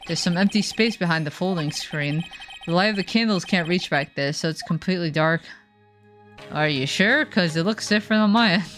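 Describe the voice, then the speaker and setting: A woman's voice: on the low side, brisk, fairly bright tone. A woman streamer reading game text aloud with wry, chatty asides, faint game music behind.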